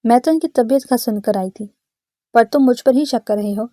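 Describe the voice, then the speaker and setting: A woman's voice: on the high side, warm tone, no room sound, studio quality, close to an everyday voice. A woman voicing a jealous, scheming middle-aged aunt who speaks spitefully.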